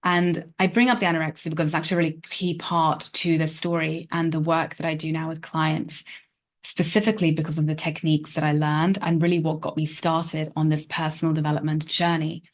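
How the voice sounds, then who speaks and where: A woman's voice: low voice, flat delivery, a little fast. A woman in her thirties, a relationship coach, telling her life story in a reflective way full of fillers. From England. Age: 30s. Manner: reflective, hedging with many fillers. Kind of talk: personal story monologue.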